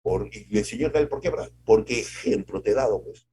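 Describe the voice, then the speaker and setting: A man preaching a devotional sermon as a pastor, conversational with tag questions, moving between loud emphasis and soft asides. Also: on the low side, brisk, slight background noise.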